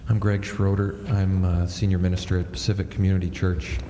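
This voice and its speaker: A man's voice: sits low, flat delivery, fairly quick. A man, a senior minister, speaking reflectively on a panel and thinking aloud with restarts into a handheld microphone. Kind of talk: panel discussion. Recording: echoey hall with faint noise.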